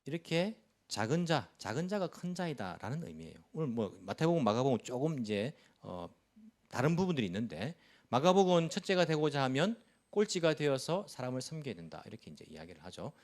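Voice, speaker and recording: A man's voice: very animated, fairly quick. A male pastor delivering a church sermon, pressing his point with repeated rhetorical questions. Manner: pitch rises and drops sharply for emphasis. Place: church service.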